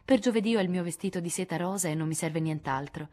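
A woman's voice: on the low side, fast, darkish tone, close to an everyday voice. Storybook rich girl, breezy and oblivious, as a woman reads her. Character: cheerful, unobservant rich young woman.

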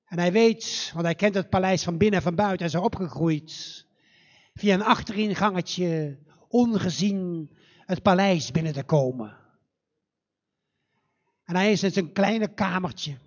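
A man telling a fairy tale live in a church, in a slow, dramatic and animated way. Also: high-pitched, muffled recording. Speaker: storyteller.

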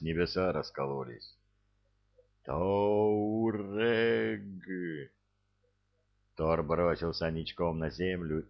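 A man narrating an audiobook in a measured, dramatic storytelling manner, in a dull lo-fi recording. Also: low voice. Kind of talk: audiobook reading.

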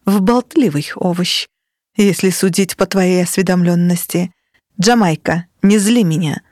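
Woman voicing a domineering witch mother, icy and scolding, raised sharp tone, dry close sound. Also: lowish voice, unhurried, no echo, close to an everyday voice. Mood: cold scorn. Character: cold, domineering sorceress mother. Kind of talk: audiobook character reading.

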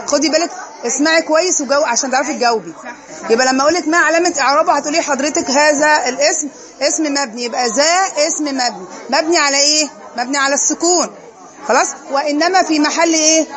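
A woman teacher with an Egyptian accent giving a classroom lesson, posing questions and answering them herself. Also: sits high. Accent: Egyptian Arabic.

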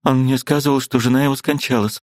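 A man voicing a quiet, earnest young woman who answers timidly. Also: mid-range voice, steady tone, fast talker, dry recording, studio quality, voice pushed up, close to an everyday voice. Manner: soft, timid.

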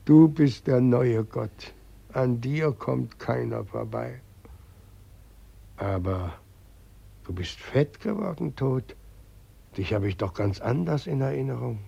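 An actor playing a weeping old god whom nobody believes in anymore, in a vintage radio play. He sounds gravelly and plaintive. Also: mid-range voice, animated, slow, pauses often, warm tone, muffled recording, full character voice. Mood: bitter, envious. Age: older. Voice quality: gravelly, husky, tearful and plaintive. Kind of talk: 1940s radio acting.

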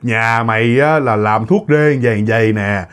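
A man's voice: mid-range voice, normal speed, clean tone, voice pushed down, natural voice. A man voicing a stern forest spirit speaking through a possessed man, bluntly rattling off facts. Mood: accusing.

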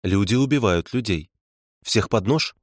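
A man voicing a calm, composed woman investigator who speaks evenly and without emotion. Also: lowish voice, a little slow, no echo, clean studio sound. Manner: cool, even, dispassionate.

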